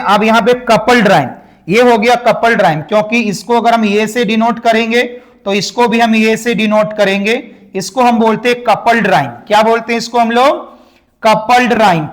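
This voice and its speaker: Teacher guy, really high voice, keeps asking what do we call this then answers it. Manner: repeats questions to the class and answers them; addresses viewers as dear guys and my brother. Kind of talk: exam-prep lesson.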